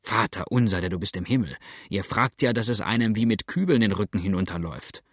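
A man voicing a gruff, flustered old backwoods farmer who grumbles and blurts things out. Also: lowish voice, brisk, dry recording, clean studio sound, lightly acted. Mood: flustered grumbling. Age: older. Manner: grumbling, rattled, loud outbursts.

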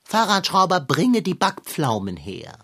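A woman's voice: fairly low pitch, huge pitch swings, a little slow, a bit bright, full character voice. Woman playing a grumpy greedy tomcat. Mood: sulky. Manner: whiny, theatrical complaining. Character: greedy, grumpy male tomcat, fussy eater. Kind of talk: children's radio play acting.

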